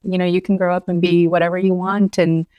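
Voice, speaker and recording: A woman's voice: fairly low pitch, level tone, brisk, clear, resonant tone, dull audio. A woman from Los Angeles in her thirties, a physician guest talking in a casual, hesitant way full of ums, likes and you knows. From Los Angeles, California. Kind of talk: casual podcast conversation.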